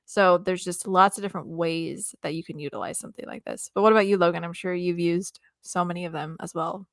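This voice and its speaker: A woman's voice: fairly low pitch, steady tone, a little fast, vocal fry, no echo, clean studio sound. A woman co-hosting a podcast, chatting casually, hesitant with fillers and easy laughs. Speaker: podcast co-host.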